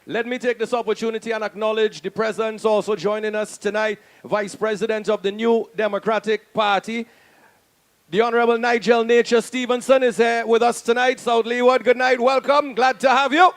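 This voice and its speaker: A man emceeing a political rally, hyping the crowd and shouting out speakers' introductions. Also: very high voice, flat delivery, normal speed. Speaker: master of ceremonies.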